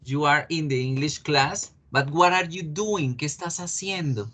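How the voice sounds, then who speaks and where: A male English teacher giving a class, explaining patiently, repeating key words slowly and asking students questions. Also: fairly high pitch, fairly bright tone.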